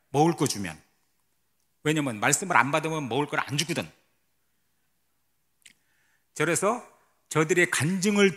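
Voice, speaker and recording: A man's voice: on the high side, pushed and bright. A man who is a missionary pastor, giving a testimony sermon at a church service, telling his story dramatically and asking the congregation questions. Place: church sanctuary.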